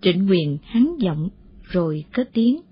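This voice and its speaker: A woman narrating an audiobook story in a calm, steady way. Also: fairly low pitch, slow pace, breathy edge. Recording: muffled lo-fi audio.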